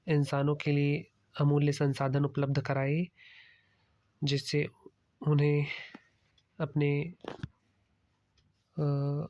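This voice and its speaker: A male exam-prep teacher explains slide by slide and drops English terms into his Hindi. His voice sits slightly high and barely moves in pitch. The recording is dry and close, with no room sound. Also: darkish tone, dry recording, lo-fi sound. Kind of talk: slide-based lecture.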